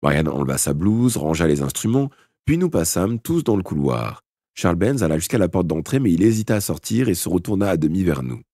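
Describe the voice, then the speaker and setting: A man's voice: sits low, sing-song, a little fast, mellow, no room sound, studio quality. A man narrating a children's audiobook, reading it aloud with expression. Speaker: audiobook reader. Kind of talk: storybook narration from a live stream.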